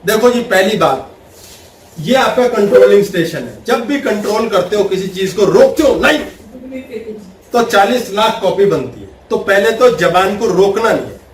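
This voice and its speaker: A man giving a spiritual talk with questions from listeners, lively and laughing as he acts out everyday scenes. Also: high voice, moderate pace, roomy sound, recorded from a distance. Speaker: spiritual teacher.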